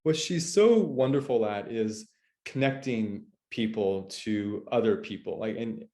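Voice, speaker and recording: A man's voice: fairly low pitch, measured pace, dark tone. A man hosting a casual interview over a video call, upbeat and chatty with some restarts. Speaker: host.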